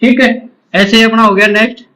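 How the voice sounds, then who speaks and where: A man with a high voice teaches English grammar to exam candidates. He explains in Hindi with English terms mixed in. He repeats each rule and checks understanding with short questions. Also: fairly even intonation, pushed and bright, poor audio. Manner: repeats key terms, asks the class quick check questions. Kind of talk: exam-prep grammar lecture.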